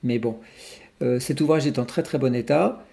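A man, presenting a book for sale in an informal, halting way as a bookseller. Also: mid-range voice, creaky, warm tone. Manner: halting, informal, pauses to search for words.

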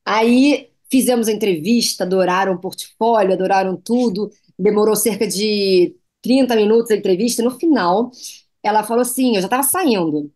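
A Brazilian woman with a Brazilian Portuguese accent, a fashion designer telling lively anecdotes as a guest in a TV interview. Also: mid-range voice, moderate pace. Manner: lively anecdotes, slips into foreign phrases. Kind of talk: TV interview storytelling.

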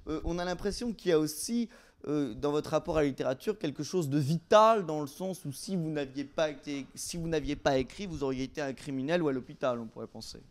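A young man with a fairly high-pitched voice speaks briskly, asking conversational interview questions into a handheld microphone. He's wordy and keeps rephrasing himself, in an indoor room lined with bookshelves.

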